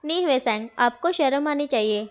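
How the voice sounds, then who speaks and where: A woman's voice: sits high, lively intonation, normal speed. A woman voicing a bold, hot-headed young male student who talks bluntly. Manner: blunt, exasperated.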